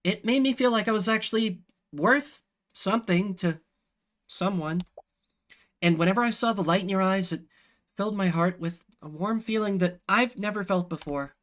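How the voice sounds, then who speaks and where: A man voicing an earnest, devoted companion in a video game, with a halting, heartfelt, sorrowful delivery. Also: high voice, a bit bright. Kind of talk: dramatic visual novel game acting.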